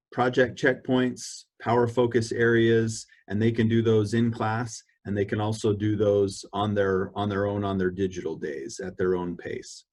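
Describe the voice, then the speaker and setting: A man presenting to parents in an online meeting. He steadily explains the school's learning approach over a video call. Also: fairly low pitch. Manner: steady, explanatory, walks through slides.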